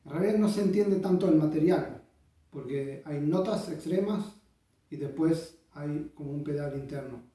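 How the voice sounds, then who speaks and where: A man teaching bandoneon, explaining in a thoughtful way with many pauses and sung-out rhythms. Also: on the high side, warm tone. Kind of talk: instructional explanation. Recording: echoey room, voice from a distance.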